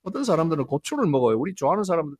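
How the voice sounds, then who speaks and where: A man's voice: a little high, racing, slightly rough. A Korean man preaching a sermon as pastor, acting out complaining voices in his examples. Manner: animated, acts out complaining voices. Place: church.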